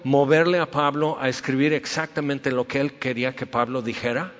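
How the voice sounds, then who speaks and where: A man's voice: medium pitch, flat delivery, moderate pace, long reverb tail, dull audio. A man, preaching a sermon in a conversational way, with anecdotes and rhetorical questions. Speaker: pastor.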